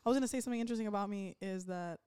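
A young woman in her twenties chatting on a podcast in a relaxed, joking way, her sentences drifting off. Her voice is smooth and clean, at a middle pitch. The sound is close and dry, with no room around it. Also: very fast, no echo. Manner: laid-back, jokey, trails off. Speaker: podcast co-host. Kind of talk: casual chat. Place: Miami.

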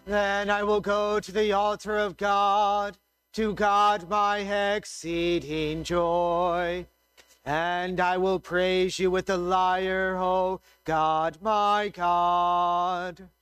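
Male church liturgist, solemn measured prayer and chant, high register, echoing room with faint music. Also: little pitch movement, fairly bright tone, clean tone. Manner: solemn, measured, reverent delivery. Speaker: liturgist leading a church service. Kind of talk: chanted and spoken liturgy with scripture reading. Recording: echoey church-like reverberant space, faint music.

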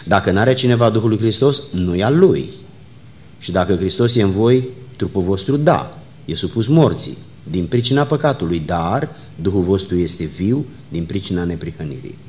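A man serving as a visiting pastor, reading scripture, praying and greeting the congregation in a church at a microphone, in a measured, solemn way. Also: deep voice, lively intonation, darkish tone. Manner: measured, solemn reading that slows into fervent prayer. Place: church sanctuary.

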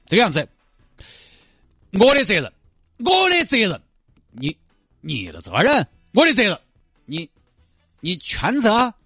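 A brash, insistent wealthy driver, played by a man, in a comedy skit. His voice sits high and bounces all over, and the recording is dry with faint music behind. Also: wildly swooping pitch, measured pace, long pauses, pushed and bright, husky, dry recording, exaggerated voice. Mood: pushy. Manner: insistent, chummy, keeps calling the other man brother. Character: brash wealthy male Audi driver, pushy and generous.

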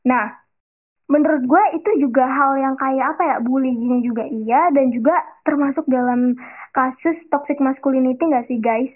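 A woman's voice: sits high, fairly even intonation, normal speed. A young woman hosting her own podcast, telling a personal story in chatty slang and speaking straight to her listeners. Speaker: podcast host. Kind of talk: casual solo podcast chat. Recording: tinny phone-like sound.

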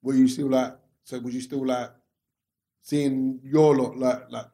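A man of medium pitch with a very mellow, dark tone speaks in a South London accent. He interviews in a casual, chatty way, using street slang. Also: flat delivery, measured pace.

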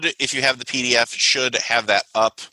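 A man's voice: mid-range voice, fairly even intonation, fairly quick, bright, forceful tone, dry recording, low-quality recording. A man running a tabletop role-playing session as game master, chatty and rambling with lots of fillers.

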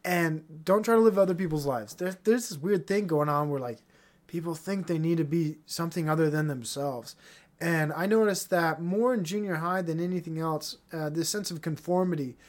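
A man's voice: a little high, moderate pace. A young man hosting a solo podcast, ranting in a profane, heated way, then trailing off into mumbles. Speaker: podcast host.

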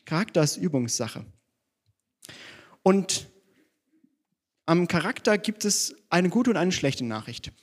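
A man's voice: sits high, big pitch swings, takes it slowly, pauses often. A man preaching a sermon in church, conversational and self-deprecating, mixing teaching with personal stories.

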